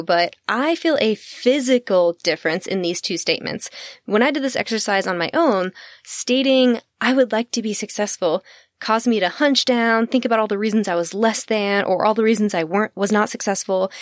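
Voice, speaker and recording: A woman's voice: mid-range voice, brisk, dry recording, studio quality. A woman hosting a self-help podcast, talking in a candid, blunt way and laughing easily between points. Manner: candid and blunt, swears casually; laughs easily mid-sentence. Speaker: podcast host.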